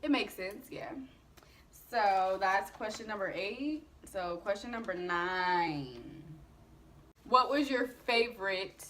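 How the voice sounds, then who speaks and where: A woman's voice: medium pitch, pushed and bright, a little hiss or hum. A woman in her twenties answering questions in a candid, chatty vlog, swearing casually and laughing often. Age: 20s. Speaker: vlogger.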